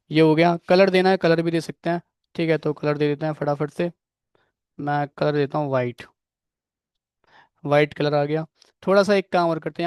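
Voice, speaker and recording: A fairly high but darkish, clean voice belongs to this coding instructor, who explains step by step and quizzes students by name. "Theek hai," he keeps asking to check in. Studio-quality audio with no echo.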